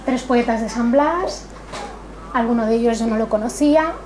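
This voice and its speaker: A little high in pitch and moderately paced, a woman who owns the café and hosts tonight's literary event warmly welcomes the audience. She sounds grateful, chatty and a bit nervous as she thanks them, with the room's noise audible around her.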